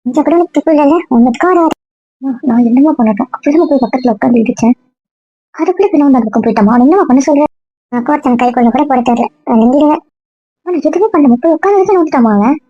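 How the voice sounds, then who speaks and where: A woman acting as a sulky, stubborn woman in a homemade family drama, with a high voice and quick, grumbling delivery. The recording is dull, dry and lo-fi. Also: animated, dark tone, dry recording, faint music behind. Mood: lamenting. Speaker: actor in a family comedy-drama skit. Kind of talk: casual web-series acting.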